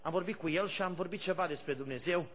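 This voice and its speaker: Fervent high-voiced male pastor. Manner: fervent, swings from shouted praise to quiet storytelling. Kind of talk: sermon.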